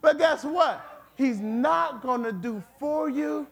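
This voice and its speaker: A man preaching a sermon with emphatic repetition, at times rising to shouts. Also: very high voice, animated, takes it slowly, slight background noise. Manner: emphatic, repeats words, rises to shouts.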